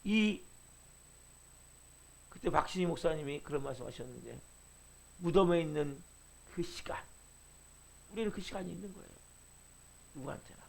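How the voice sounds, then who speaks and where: A middle-aged male pastor preaching a sermon with impassioned swells and sudden quiet drops. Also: a little high, lively intonation, normal speed, gravelly, pauses often.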